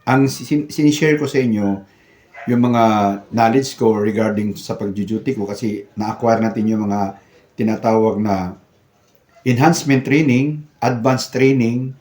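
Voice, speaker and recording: Older male vlogger, missing-front-teeth speech, mid-pitched voice, casual and emphatic, echoey room recording. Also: unhurried, a little mellow. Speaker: vlogger, retired security guard. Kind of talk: casual vlog chat.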